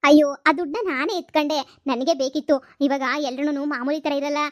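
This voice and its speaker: A woman's voice: high-pitched, a little fast, close to an everyday voice. A woman voicing a sulky, vain young wife from a village who has started college, whining and snapping in a cartoon comedy. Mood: wheedling. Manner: whiny, sulking, sharp-tongued.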